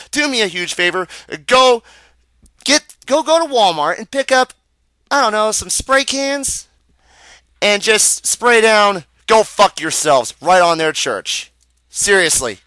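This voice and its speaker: A young American man rants into his camera, cursing hard and tripping over his words in his anger. His voice sits a little high and comes out bright and forceful. The sound is close and dry, with no room echo. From United States. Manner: profane, heated, stammering rant. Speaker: vlogger. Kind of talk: angry webcam rant.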